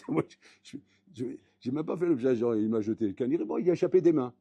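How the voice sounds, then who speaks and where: Rabbi telling a lively Torah-class story. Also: male voice, medium pitch, brisk, breathy edge, no echo, dull audio. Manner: lively storytelling, acting out voices, rising to loud emphatic peaks; French mixed with Hebrew terms, repeated address to the audience.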